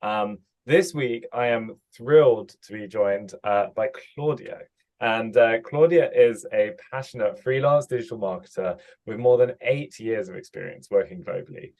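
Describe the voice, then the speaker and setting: A man hosts a podcast, conducting a casual interview in a medium-pitched, darkish voice at a moderate pace. He comes across as friendly but hesitant, restarting his sentences many times.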